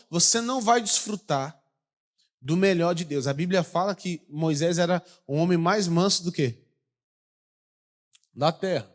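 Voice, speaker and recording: A pastor with a Brazilian Portuguese accent delivers a lively sermon, putting questions to his congregation along the way. His voice is high-pitched.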